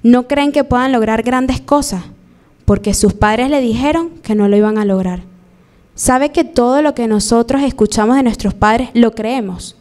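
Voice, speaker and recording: A young Venezuelan woman preaching a live sermon in a church, lively and acting out the voices she quotes. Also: a little high, moderate pace.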